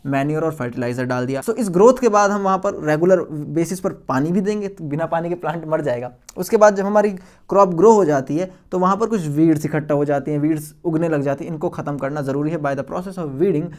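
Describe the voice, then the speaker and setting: A science teacher with a fairly high, darkish voice speaks a little quickly in a recorded lecture for school students. He poses questions and answers them himself, repeats key terms, and calls the students friends and guys.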